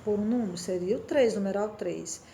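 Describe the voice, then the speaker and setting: A woman's voice: mid-range voice, a little fast, creaky, dark tone, a little hiss or hum. A Brazilian woman teacher giving a patient lesson, often checking in with her listeners and sounding words out syllable by syllable. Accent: Brazilian Portuguese. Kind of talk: slow classroom explanation.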